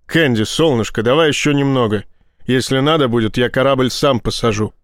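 A man voicing a furious male space admiral who barks his orders hoarsely in a storybook reading. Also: mid-range voice, fairly quick, dry recording, clean studio sound, natural voice. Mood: urgent commanding. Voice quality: hoarse, barking.

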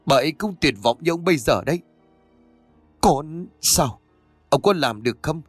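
A man voicing a bitter, vengeful young woman who speaks in an accusing, sharp, pleading way. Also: on the high side, animated, moderate pace, dry recording, faint music behind, voice pushed up.

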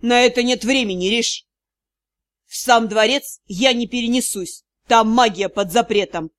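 A weary male magister growls out his curt, tired lines in a lowered voice, as a woman reads him. The storybook sound is dry and close. His tone stays grim and clipped. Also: a little slow, a bit bright, no room sound.

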